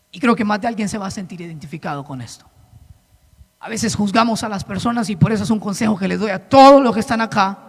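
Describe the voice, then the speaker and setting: Man, preacher, very high voice, gravelly, impassioned sermon, long church reverb. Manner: impassioned, rising to shouts, then dropping low and soft. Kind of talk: sermon with personal testimony. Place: church hall.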